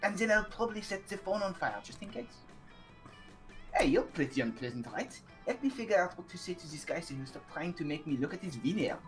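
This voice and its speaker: A man voicing a vain, sharp-tongued young woman in a French accent, reading game dialogue in character. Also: high voice, expressive, brisk, faint music behind. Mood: scornful.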